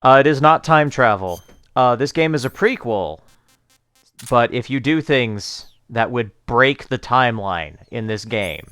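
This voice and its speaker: A man's voice: mid-range voice, expressive, unhurried, fairly bright tone, clean tone, no echo, faint music behind. A young man casually commenting on his gameplay in a goofy, rambling way, often muttering to himself. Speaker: let's play streamer.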